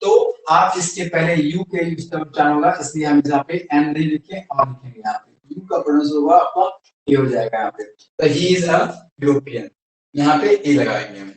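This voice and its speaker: Man, Indian accent, teacher, asks and answers his own questions, slightly high voice, heavy echo from a distance. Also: moderate pace. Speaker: English teacher. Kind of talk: classroom grammar lesson. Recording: very echoey room, voice from far off.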